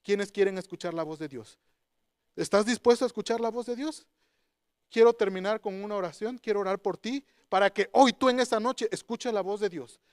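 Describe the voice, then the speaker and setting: Male preacher, high-pitched, storytelling sermon, dry recording. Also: moderate pace, clean tone, dry recording. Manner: storytelling, rhetorical questions to listeners.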